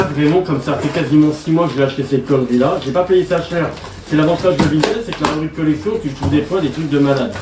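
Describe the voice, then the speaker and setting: A man chatting casually as he unboxes parcels, slangy and quick to exclaim at each find. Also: a little high. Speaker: collector unboxing militaria. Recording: echoey room, mic at a distance, noisy.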